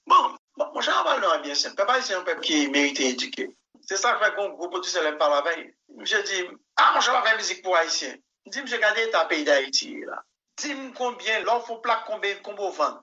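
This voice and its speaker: A man with a Haitian accent, speaking in a high, very bright and piercing voice. He answers interview questions emphatically, doubling words and acting out what others said. The broadcast audio sounds somewhat dull and lo-fi. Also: very animated, a little fast, slight background noise. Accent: Haitian Creole. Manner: emphatic, repeats words, tells anecdotes with quoted dialogue. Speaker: musician guest.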